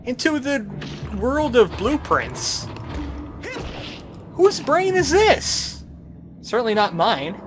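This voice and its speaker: In a Let's Play video, a gaming host narrates his playthrough with playfully sarcastic asides. His medium-pitched voice is very animated yet unhurried, with long pauses, and adventure game music and background noise sit behind it.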